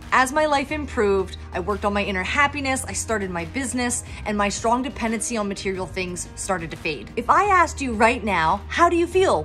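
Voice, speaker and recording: A woman's voice: fairly high pitch, a bit bright. A woman in her thirties from Pennsylvania with a Philadelphia accent, a professional organizer giving an upbeat, encouraging talk to camera with self-deprecating asides. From Pennsylvania, USA. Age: 30s.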